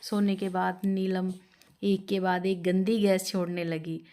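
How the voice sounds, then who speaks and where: A woman narrating a moral story in a steady, plain storytelling manner. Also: on the low side, measured pace.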